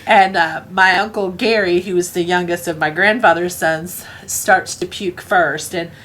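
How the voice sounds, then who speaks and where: A woman telling a comic personal story, unhurried, chuckling as she goes, with lots of ums and uhs. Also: on the low side, steady tone, a bit bright.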